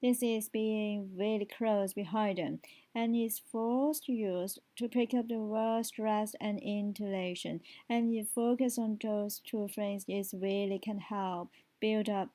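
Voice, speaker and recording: Slow-speaking woman teaching English. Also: mid-range voice, steady tone, warm tone, low-quality recording. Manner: explains step by step, often checks with "right?". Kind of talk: spoken language lesson.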